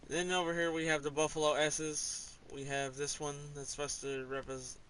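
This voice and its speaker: A man's voice: fairly high pitch, little pitch movement, moderate pace, a bit bright, a little hiss or hum, low-quality recording. A man casually talking through his game car collection in a rambling, offhand way, with small hesitations. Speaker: gamer showing his garage. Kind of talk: casual gameplay commentary.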